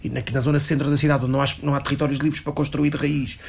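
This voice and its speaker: Speaking with a European Portuguese accent, this man has a fairly high pitch that barely moves, with some vocal fry. As a local politician on a panel, he argues insistently and quickly, often restarting and repeating words. Slight background noise is audible.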